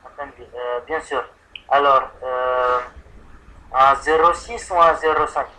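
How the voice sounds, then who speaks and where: This prank caller, faking the role of an insurance customer over the telephone, wanders and stumbles through his words as if bewildered. His medium-pitched voice is unhurried and carries a sharp tone.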